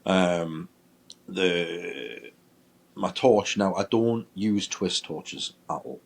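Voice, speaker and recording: Husky, low-voiced man. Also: very slow. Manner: animated, acts out his own reactions. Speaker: paranormal investigator guest. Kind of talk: storytelling in casual chat.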